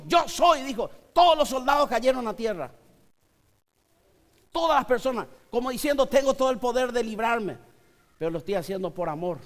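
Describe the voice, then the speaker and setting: A male pastor preaching a sermon, swinging between loud, forceful passages and hushed, low-spoken ones. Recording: long reverb of a church hall.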